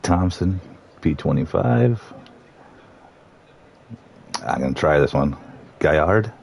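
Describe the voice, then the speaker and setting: A man commentating live on a sim race, reading out the starting grid in a relaxed, joking way. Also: very deep voice, slow pace, creaky, a little hiss or hum.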